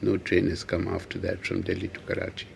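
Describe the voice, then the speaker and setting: Gravelly, deep older man. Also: completely flat delivery, brisk, slight background noise. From Pakistan. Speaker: interviewee, architect and urban planner. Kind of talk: reminiscing in an interview.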